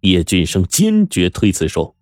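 Deep-voiced man telling a story. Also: wildly swooping pitch, measured pace, darkish tone, no echo, studio quality. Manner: dramatic, swings into character voices. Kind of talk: scripted story narration.

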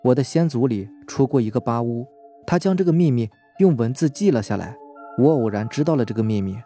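A man doing a calm, earnest young teacher. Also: mid-range voice, a little fast, faint music behind, voice pushed down, natural voice.

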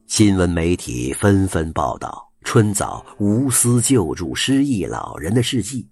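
A man telling a folk tale with an animated, expressive delivery. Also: low-pitched, gravelly, slightly rough, no echo. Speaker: storyteller.

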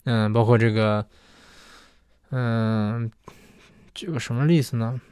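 A man's voice: mid-range voice, takes it slowly, a little mellow, clean tone, no room sound, clean studio sound. A male host casually explaining things to listeners. He often rephrases himself and checks for agreement as he talks. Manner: chatty, rephrases often, asks "对不对" for agreement. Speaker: host answering listener questions.

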